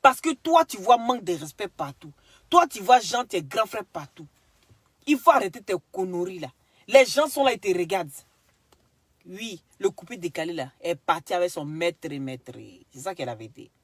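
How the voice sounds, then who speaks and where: A woman ranting at someone in a clash video, scolding and insulting, swinging between loud outbursts and mutters, with bits of broken English. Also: on the low side, lively intonation, normal speed, husky, no echo. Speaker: social media commentator.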